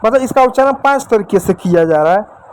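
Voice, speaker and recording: A man's voice: high voice, animated, fairly quick, slight background noise, poor audio. A man teaching a lesson at a board, repeating each point and quizzing his students with questions. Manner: addresses listeners as dear children and friends.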